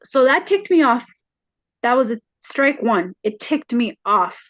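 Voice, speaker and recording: A woman as a counseling client, retelling a home conflict haltingly with many fillers, her voice rising when upset. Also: a little high, sing-song, a bit bright, no echo, lo-fi sound. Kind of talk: emotional retelling in a counseling session.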